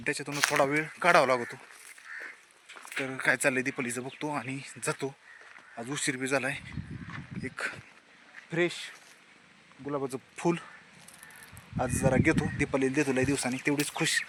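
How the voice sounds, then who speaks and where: A man's voice: medium pitch, fairly even intonation, normal speed, pauses often, noisy background. A man, chatting casually to camera as a vlogger on his farm and village road. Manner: chatty, talks to camera and family. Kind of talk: casual vlog narration.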